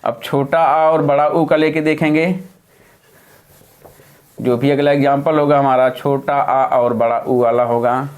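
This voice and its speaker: A man's voice: mid-range voice, fairly even intonation, a little slow. A male teacher explaining a grammar lesson patiently, step by step, while writing on a board.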